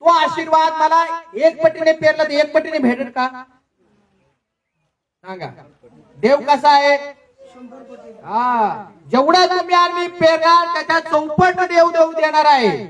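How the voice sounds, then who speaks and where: A man's voice: very high-pitched, unhurried, pauses often, fairly bright tone, far from the mic. A male pastor giving a sermon, firing rhetorical questions at the congregation and mimicking boastful givers with repeated chanted phrases. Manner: rhetorical questions and call-and-response.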